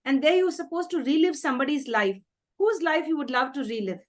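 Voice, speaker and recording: A woman interviewer speaks in a high voice. She puts her questions politely and deferentially, with effusive acknowledgement of the guest. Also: expressive, fairly quick.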